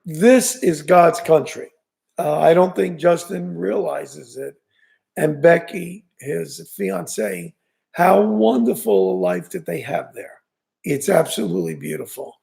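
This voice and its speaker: A man's voice: a little high, takes it slowly, vocal fry, darkish tone. A man with a New York accent, hosting a fishing show and chatting enthusiastically in a rambling way, with many restarts. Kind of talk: casual chat.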